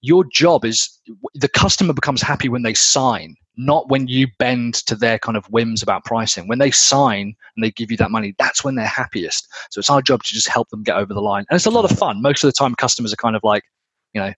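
A blunt, energetic man talks sales on a casual podcast and swears freely along the way. His voice is husky and sits at an ordinary middle pitch. The sound is close and dry. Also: a little fast, dry recording. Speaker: podcast co-host, sales coach.

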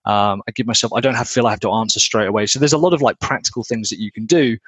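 A man co-hosting a casual podcast chat and coaching on sales in a blunt, energetic way, swearing freely and acting out customers. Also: fairly low pitch, very fast, slightly rough, no room sound.

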